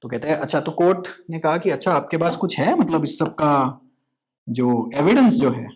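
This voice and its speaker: A man's voice: a little high, expressive, moderate pace, a little mellow. A young man giving a casual legal lecture, explaining as an educator, mixing English phrases and asking rhetorical questions.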